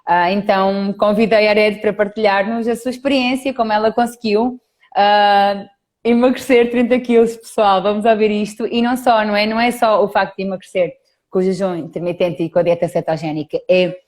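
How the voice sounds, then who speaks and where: A woman hosts a casual live interview over a video call. She pauses often with little fillers while she gathers her thoughts. Her voice sits in an ordinary middle pitch. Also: steady tone, a little mellow. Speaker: host.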